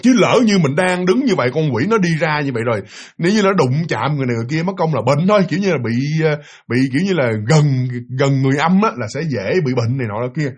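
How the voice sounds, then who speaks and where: A man with a Southern Vietnamese accent telling a spooky story, animated, repeating words for effect and speaking straight to his listeners. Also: fairly high pitch, fast, husky.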